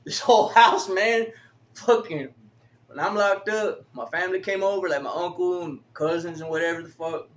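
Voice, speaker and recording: A man's voice: high voice, moderate pace, a little hiss or hum. A man in his early forties rambling casually to the camera, swearing freely and laughing through his stories. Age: 40s. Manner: profane, laughs often, animated storytelling. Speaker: vlogger.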